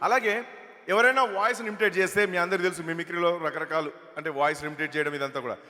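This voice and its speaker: A man's voice: high voice, steady tone, quick pace, bright, forceful tone. A man doing stand-up comedy on stage, telling chatty jokes at a mic. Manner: chatty storytelling. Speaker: comedian and mimicry artist. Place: stage in a hall. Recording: echoey hall over stage PA.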